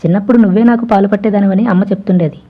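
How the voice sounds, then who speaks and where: A woman's voice: medium pitch, steady tone, racing, close to an everyday voice. A woman doing a sheepish pleading young man. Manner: coaxing, sheepish. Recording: dull lo-fi recording.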